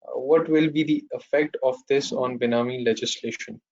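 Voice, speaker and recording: A man's voice: medium pitch, fairly even intonation, normal speed, a little mellow. A man with a Pakistani accent reading audience questions aloud as moderator of an online session. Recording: slightly muffled online call audio.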